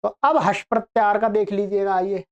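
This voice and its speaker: A woman teaching Sanskrit grammar online, explaining patiently step by step and drawing out example words slowly. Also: medium pitch, steady tone. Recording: dull lo-fi recording.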